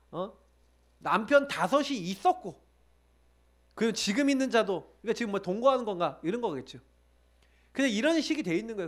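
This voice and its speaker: A man's voice: very high-pitched, fairly bright tone. A man preaching a sermon as pastor, asking the congregation rhetorical questions. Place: church sanctuary.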